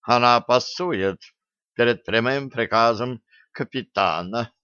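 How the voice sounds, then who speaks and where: A man's voice: mid-range voice, slow pace, sharp tone, clear, resonant tone, no room sound, highs cut off. A man playing a gleeful, gossipy gnome hologram girl. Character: cheeky female gnome hologram, ship's program.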